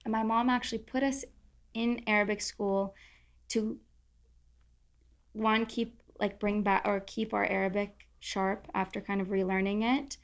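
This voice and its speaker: Speaking a little slowly at medium pitch, she keeps her tone level. She's a young adult content creator from Orange County in Southern California, guesting on a roundtable podcast with casual, self-deprecating humor.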